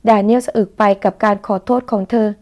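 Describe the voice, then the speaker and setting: A woman narrating a romance novel as an audiobook in a steady storytelling manner. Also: on the high side, quick pace, dull audio.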